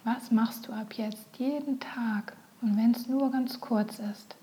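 A woman leading a guided meditation, speaking softly and often in a whisper. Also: fairly high pitch, steady tone. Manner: slow, soft, often whispered.

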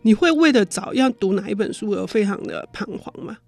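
A woman's voice: mid-range voice, animated, fairly quick, gravelly. Woman hosting a radio book show.

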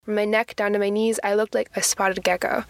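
A woman's voice: mid-range voice, level tone, fairly quick, no room sound, studio quality. A young woman from the American Midwest hosting a podcast, reading her script in a chatty, wry, self-mocking way. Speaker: podcast host.

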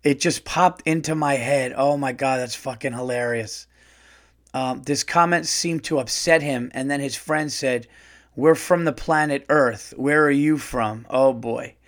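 A man's voice: mid-range voice, unhurried. A man hosting a casual comedy podcast, reading listener letters aloud and reacting bluntly, often laughing and cursing. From United States. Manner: animated, laughs a lot, blunt and profane. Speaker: podcast host.

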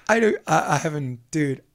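Gravelly Brooklyn man hosting a podcast. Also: a little high, a bit bright, slight background noise. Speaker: podcast host. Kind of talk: casual podcast chat.

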